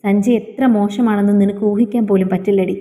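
A woman's voice: medium pitch, steady tone, quick pace, mellow, natural voice. Woman voicing a menacing possessive husband. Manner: taunting, jealous, threatening. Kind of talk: storybook dialogue reading. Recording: long hall reverb.

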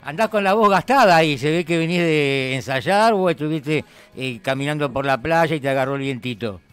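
A man's voice: a little high, normal speed, a bit bright, smooth, faint music behind. A middle-aged Argentine man hosting a casual radio interview in the studio, joking and teasing his guest. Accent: Argentine Spanish. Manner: jokey, teasing. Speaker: radio host. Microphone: studio mic with headphones.

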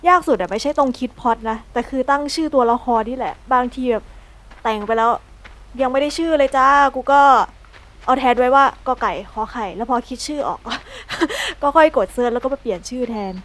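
A woman giving chatty, excitable let's-play commentary, yelping and shrieking when startled. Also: high-pitched, brisk, rough recording. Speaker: gameplay streamer.

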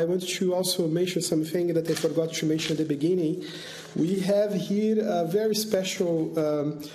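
A man's voice: fairly high pitch, a little mellow. A man moderating a webinar panel over a video call, hesitant, with many fillers and repeated words. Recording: echoey room.

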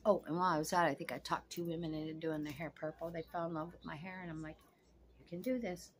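This casual vlog monologue comes from a woman in her sixties seated on a couch in a small room at home, addressing the camera directly. She's frank, blunt, and profane. Her voice sits low with fairly even intonation and a quick pace, and there's slight background noise.

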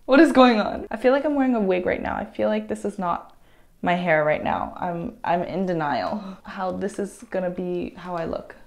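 A young woman vlogging casually while cutting her own hair, chatty and excitable, gasping and squealing in dismay and talking to herself as she goes. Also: fairly low pitch, moderate pace. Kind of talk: casual vlog talk to camera.

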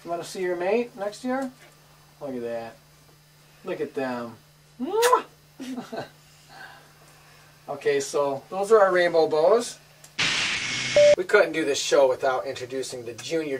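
Low-voiced woman hosting a home video. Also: animated, unhurried, long pauses, darkish tone. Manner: upbeat, coaxing the children on camera. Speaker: host showing a family snake collection. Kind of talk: casual home video chat. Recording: distant home camera audio, light hiss.

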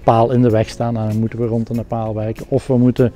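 A man's voice: mid-range voice, little pitch movement, fast, dark tone. A middle-aged man with a Flemish accent, a technical production director explaining his work in a practical, hesitant way with many fillers.

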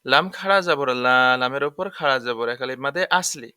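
A man's voice: medium pitch, brisk, sharp tone, clear, resonant tone, no room sound, studio quality. A man teaching a Quran recitation lesson, spelling out letters and vowel marks one by one and repeating each rule patiently. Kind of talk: tajweed lesson explaining letter by letter.

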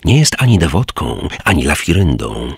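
A man's voice: a bass voice, very animated, moderate pace, gravelly, breathy edge, dry recording, studio quality, full character voice. A man voicing a shrewd, sly old beggar who sits on the steps of a church, in a spoken storybook.

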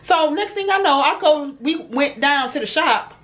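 Her voice sits high and sounds a bit bright and animated, moving at a moderate pace. She's a mom doing a family vlog, chatting to her handheld compact camera in a laid-back, slangy way and laughing often.

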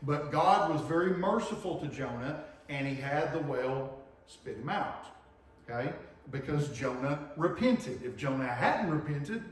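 A man's voice: fairly high pitch, expressive, a little slow, distant mic. A middle-aged man preaching a sermon in a conversational teaching manner, often checking in with his listeners. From Tennessee, US. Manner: conversational teaching, frequent "okay?" and "right?" checks. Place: church sanctuary with projector screen. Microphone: room mic from far camera. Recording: very echoey church from afar.

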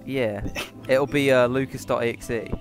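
A young man hosting a casual gameplay chat with friends, loud, joking and swearing freely. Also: mid-range voice, fairly even intonation, moderate pace. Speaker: gaming channel host. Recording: game music behind the voice.

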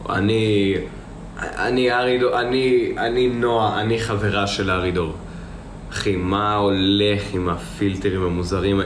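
A man's voice: medium pitch, a bit bright, echoey room, slight background noise. A young man chatting casually on a live stream, answering viewers and rambling, often repeating himself. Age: young adult. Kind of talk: casual live-stream chat, reading comments aloud.

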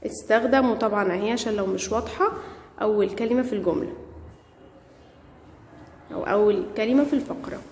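A woman's voice: mid-range voice, fast talker, pauses often, a little mellow, a little hiss or hum. A woman with an Egyptian Arabic accent teaching primary school grammar, asking questions and praising her pupils. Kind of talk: classroom grammar lesson. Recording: echoey room with long reverb.

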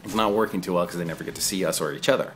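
A man in his thirties with a low, deep voice talks over his own gameplay footage in a loose, conversational way. He drifts from the action into chatty personal asides, recorded as a home voice-over. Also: racing, a bit bright, slight background noise. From England. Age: 30s. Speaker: gaming video creator. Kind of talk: casual voice-over commentary on gameplay.

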